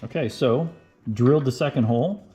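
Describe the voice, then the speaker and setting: A man casually narrating his car fabrication work as he goes, thinking out loud and often checking in with "right?". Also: medium pitch, moderate pace, faint music behind. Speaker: car restoration vlogger. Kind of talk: casual how-to narration while working.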